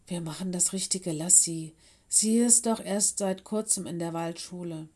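A woman's voice: on the low side, normal speed, dark tone, close to an everyday voice. A woman reading an audiobook, voicing an earnest, loyal young male animal pupil at a forest school. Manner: earnest, determined. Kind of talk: audiobook character voice.

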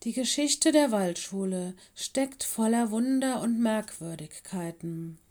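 A woman voicing a caring, busy fox headmistress and mother in a children's audiobook, brisk and motherly. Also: on the high side, animated, darkish tone. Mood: chatty. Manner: brisk and motherly, stern with helpers.

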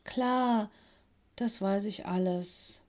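A woman's voice: medium pitch, very slow, a little mellow. A woman voicing an eager, impulsive little boy wolf in a storybook reading, who blurts out and stammers. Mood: sheepish. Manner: blurting, anxious. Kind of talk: audiobook reading.

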